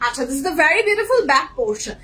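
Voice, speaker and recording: A woman's voice: high voice, big pitch swings, a little slow, fairly bright tone, low-quality recording. A woman hosting a live-stream clothing sale, gushing over each dress and mixing English into her talk; a working mother. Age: young adult or 30s, a working mother. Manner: gushing, mixes English into Bengali.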